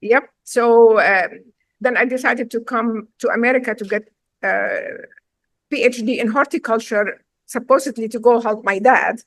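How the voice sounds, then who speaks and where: Woman, Syrian accent, middle-aged, chef guest, emphatic, higher voice, dry close sound. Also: normal speed, no echo. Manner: emphatic, direct storytelling with loose grammar. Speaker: chef and restaurant owner, guest. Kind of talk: casual interview chat.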